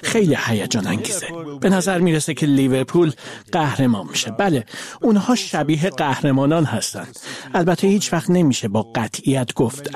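A man giving a measured voice-over translation of a guest's interview answers. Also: fairly high pitch, darkish tone.

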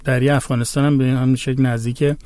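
A man's voice: mid-range voice, little pitch movement, a little mellow, no room sound, studio quality. A man whose first language is Azerbaijani Turkish, a guest in a conversation, patiently explaining and giving many spoken examples.

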